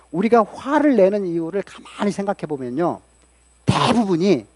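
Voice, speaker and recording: A pastor preaches in a high, fairly bright male voice, close to the mic in a dry sound with no room echo. He keeps turning to his listeners with questions. When he acts out an angry outburst, his voice jumps up and gets louder. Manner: earnest preaching with rhetorical questions to the congregation. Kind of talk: sermon.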